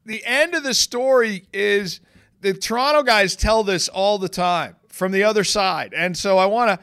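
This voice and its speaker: Higher-voiced male podcast host. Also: normal speed, fairly bright tone, smooth. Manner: prompting guests, retelling punchlines. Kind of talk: casual chat.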